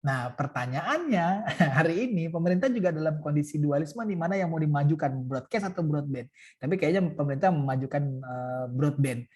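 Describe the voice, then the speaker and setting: A man's voice: a little high, lively intonation, normal speed, darkish tone. A man speaking as guest in a webinar, casual and joking, with many fillers, over a video call. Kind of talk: webinar talk.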